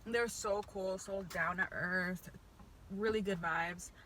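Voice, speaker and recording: A woman's voice: medium pitch, steady tone, slow, fairly bright tone, a little hiss or hum, rough recording. A young woman telling a casual, slangy story as she eats, chewing while talking. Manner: slangy, chatty. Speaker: vlogger.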